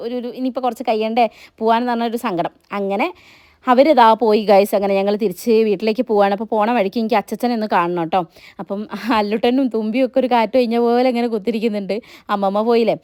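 A woman's voice: a little high, fairly even intonation, fast talker, a little mellow, clean tone, no room sound, clean studio sound. A woman, chatting casually and rambling as she narrates a family vlog. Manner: chatty, rambling, frequent "ttoo" tags. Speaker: vlogger.

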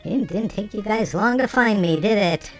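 A game streamer talking through a voice changer that shifts the pitch, chatting casually with viewers while playing. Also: moderate pace, faint music behind. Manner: chatty, talks to chat between game actions. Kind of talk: casual let's-play chat with viewers.

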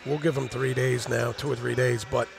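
On a studio set inside a gym, a middle-aged assistant basketball coach wearing a headset mic gives a rambling postgame interview, often repeating words while he thinks. His mid-range voice is creaky and level at a moderate pace, with faint music in the background.

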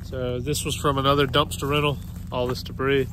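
Standing at an outdoor job site, a relaxed man in his thirties vlogs about running his dumpster rentals and tree service in a medium-pitched voice at a brisk pace. He has a folksy manner and says "y'all." The outdoor audio comes from a phone held at arm's length and carries faint background noise.

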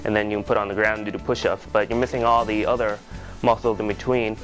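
A man's voice: lowish voice, little pitch movement, quick pace, fairly bright tone, faint music behind. A man giving a testimonial, hesitant and full of fillers. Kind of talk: testimonial interview.

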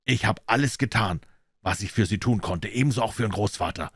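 A sly older butler speaks in a low, monotone voice with false, level politeness, as a man puts him on. The sound is dry and close, with no room around it. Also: fairly quick, husky, no room sound. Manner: monotone, apologetic, then harsh.

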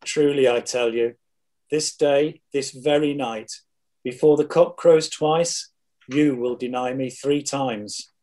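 A middle-aged man reading the part of a solemn teacher, Jesus, in a measured, declamatory way for a dramatized scripture reading. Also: mid-range voice, fairly even intonation, warm tone, lightly acted. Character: Jesus, solemn adult male teacher foretelling his betrayal. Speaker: scripture reader.

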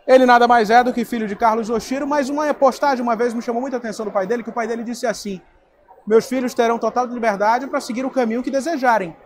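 A man's voice: extremely high pitch, fairly even intonation, quick pace, slight background noise. A young man, interviewing a guest at a trade fair booth on a lapel mic. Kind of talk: event interview.

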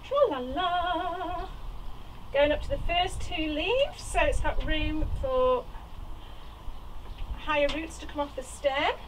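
A woman's voice: sits high, lively intonation, takes it slowly, long pauses, a little hiss or hum, poor audio. Chatty woman in a greenhouse. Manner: chatty, thinks aloud while working. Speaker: allotment vlogger. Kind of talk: casual gardening vlog. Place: small greenhouse on an allotment. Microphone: camera on a tripod nearby.

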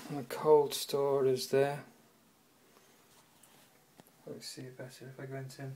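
A man giving a relaxed, offhand walkthrough of his boat, pausing with the odd uh, recorded on a handheld camera in a shed and a small cabin. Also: medium pitch, a little hiss or hum, poor audio. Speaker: boat owner giving a tour. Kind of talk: casual walkthrough narration. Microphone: handheld camera or phone.

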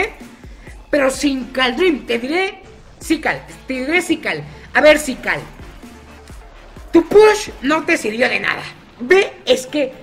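A man's voice: extremely high pitch, pushed and bright. A man commenting on his own gameplay, chatty and teasing his opponents by name. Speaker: gaming YouTuber.

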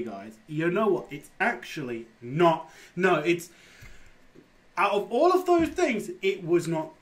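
A man's voice: sits high, a bit bright. A man in his thirties giving exasperated, sweary gameplay commentary as he gets drunker. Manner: exasperated outbursts mixed with swearing; getting drunker while playing a drinking challenge. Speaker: gaming video host. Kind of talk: live gameplay reaction commentary. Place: indoors at a computer. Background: game music.

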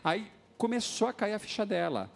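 A man on a TV talk show panel explaining a guest's experience, halting often and tagging his sentences with questions. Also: sits high, big pitch swings, creaky. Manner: halting, many restarts and tag questions. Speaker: studio panelist. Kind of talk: explanatory commentary. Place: TV studio.

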